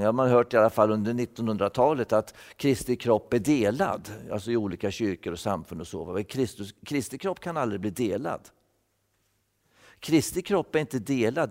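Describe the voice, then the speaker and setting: A man's voice: mid-range voice, lively intonation, a little mellow, long reverb tail. A man giving a thoughtful Bible-teaching sermon, repeating words as he explains. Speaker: preacher.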